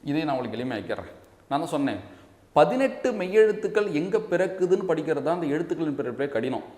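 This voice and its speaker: A man with a Tamil Nadu accent teaching an exam-prep grammar lesson. He explains step by step, often checks that students follow, and sounds out letters slowly for them to repeat. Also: fairly high pitch, very animated, a little mellow. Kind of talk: classroom-style lesson. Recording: echoey room with long reverb.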